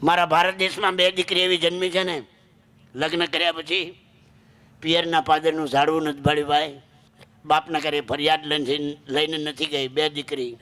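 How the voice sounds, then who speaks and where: A woman's voice: sits low, a bit bright. A woman folk storyteller, giving an emotional, dramatic dayro storytelling performance.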